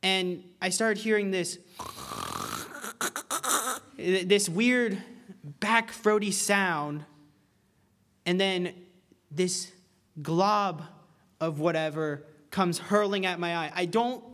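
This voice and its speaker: A young man preaching a sermon in an earnest, conversational way, rising to loud pleading cries. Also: sits high.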